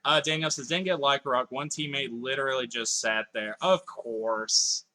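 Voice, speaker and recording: This gaming livestreamer has a medium-pitched, sharp-toned voice with fairly even intonation and a moderate pace. As he plays, he chats casually, reads viewer messages out loud and swears now and then.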